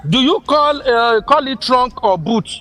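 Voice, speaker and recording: A man's voice: very high-pitched, animated, a little slow, bright, forceful tone, soft background music. A middle-aged man with a Nigerian Yoruba accent in casual discussion, speaking emphatically and repeating words for stress.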